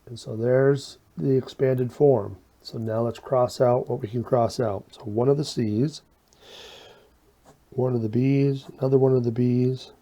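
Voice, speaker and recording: A man's voice: mid-range voice, warm tone. A man teaching an informal step-by-step math lesson in a folksy way, asking and answering his own questions, with a slight whistle on his s sounds. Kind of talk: informal step-by-step video lesson, talking while working problems.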